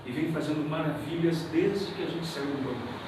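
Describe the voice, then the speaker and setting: A man with a Brazilian accent giving a testimony to a church congregation, telling his story in a lively way and acting out the dialogue. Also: fairly high pitch, moderate pace, noisy background. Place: church hall. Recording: very echoey hall, mic far off.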